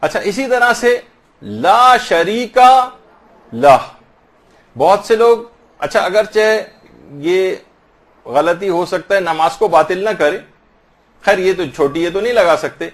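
A man giving a religious lesson on prayer pronunciation, explaining patiently and slowly demonstrating each recited phrase. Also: sits high. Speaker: religious teacher.

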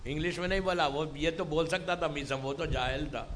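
A man telling a religious story as a preacher in a dramatic sermon. He swings from hushed tones to shouting and mixes English words into his speech. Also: on the high side, slight background noise.

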